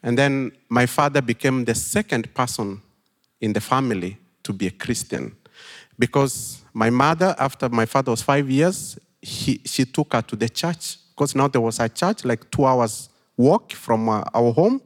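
A middle-aged pastor from western Kenya, with a Kenyan accent, telling a story in an unhurried sermon with thoughtful pauses. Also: male voice, medium pitch, animated. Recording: long hall reverb.

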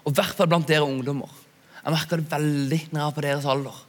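A young man preaching to a youth audience in a relaxed, chatty way, often asking his listeners to agree. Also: on the high side. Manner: chatty, asks "ikke sant?" often. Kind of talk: sermon. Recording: long hall reverb.

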